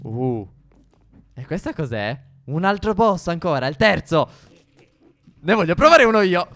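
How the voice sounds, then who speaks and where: A young man co-hosting a gaming channel, trading loud exclamations and teasing in excited co-op play. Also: high-pitched, unhurried. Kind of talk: excited co-op gameplay banter.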